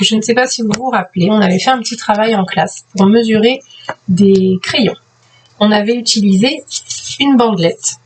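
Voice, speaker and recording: A woman teacher with a French accent, calmly explaining class activities step by step for young pupils at home, pausing often to find her words. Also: mid-range voice, rough recording. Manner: patient, explains step by step with frequent hesitations. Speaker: preschool teacher. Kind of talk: instructions for remote class activities.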